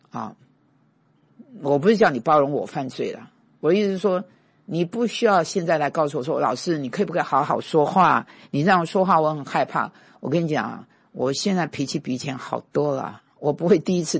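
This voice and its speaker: Gravelly, husky male pastor. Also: fairly high pitch, no room sound. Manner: emphatic storyteller, bursts of scolding force. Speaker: pastor and teacher. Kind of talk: conversational sermon with personal stories.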